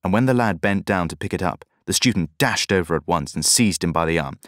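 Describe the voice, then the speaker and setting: A man narrating an audiobook in a measured, even storytelling manner. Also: low voice, dry recording, studio quality. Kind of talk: scripted narration.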